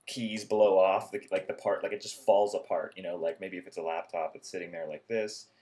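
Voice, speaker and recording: A man with a deep, low voice talks through his feedback on a friend's ideas in a loose, unscripted way. He rambles and hesitates, fills gaps with "um" and "like," and now and then acts out a quick bit of dialogue before carrying on. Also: steady tone, dark tone. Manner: rambling, hesitant, many fillers, acts out short bits. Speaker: peer reviewer giving feedback. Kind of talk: casual spoken feedback message.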